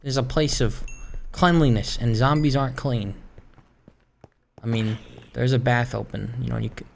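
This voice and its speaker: In a steady, mid-range voice with vocal fry and a moderate pace, this gaming YouTuber rambles through a casual Minecraft let's-play. He muses informally and grumbles about minor annoyances, with a bit of background noise.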